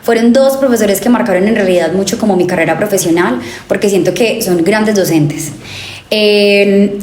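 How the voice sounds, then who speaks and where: A woman's voice: medium pitch, slight background noise. Young Colombian woman telling her story. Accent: Colombian, coffee region. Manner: animated storytelling with many fillers and self-corrections. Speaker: guest, tourism graduate. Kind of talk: conversational interview. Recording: echoey room with faint ambience.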